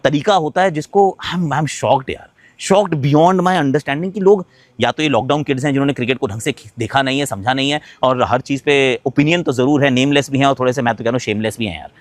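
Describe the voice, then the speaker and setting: A man's voice: medium pitch, a little fast, dry recording. A man giving a casual cricket reaction, mixing Hindi and English with emphatic points and frequent hesitant fillers. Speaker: cricket commentator.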